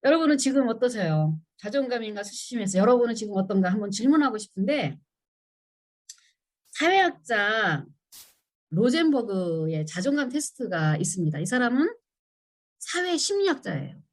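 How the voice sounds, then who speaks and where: A middle-aged woman lectures at a church women's seminar, her voice sitting a little high. She acts out her old pleas in quoted lines and often turns to ask the audience questions. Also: sing-song, normal speed. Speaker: seminar speaker.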